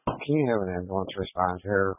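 A man's voice: deep voice, fairly quick, dry recording. A man working as a police officer, making terse, matter-of-fact calls from the field over a police radio channel. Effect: police radio transmission. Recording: dry tinny radio channel.

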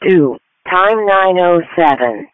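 A man making measured, formulaic emergency dispatcher announcements over a radio. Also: sits high, animated, no room sound, narrow, tinny audio. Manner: measured, formulaic call-outs. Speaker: police and fire dispatcher. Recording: dry emergency radio channel audio.

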